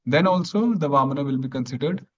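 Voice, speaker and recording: Guy teaching a grammar class online, slow patient explaining, kinda dull lo-fi sound. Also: medium pitch. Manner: patient, explains step by step, clears throat often.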